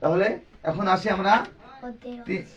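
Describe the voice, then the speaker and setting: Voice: mid-range voice, steady tone, unhurried, far from the mic, muffled recording. A Quran recitation teacher giving a classroom lesson, drilling the students with repeated questions and call-and-response.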